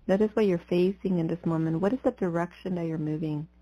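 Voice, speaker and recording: Woman, mellow tone, soothing mystical healer, guided meditation coaching, deliberate pauses, dry and slightly muffled recording. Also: lowish voice, no echo. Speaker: podcast host and spiritual coach. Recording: slightly dull, muffled lo-fi audio.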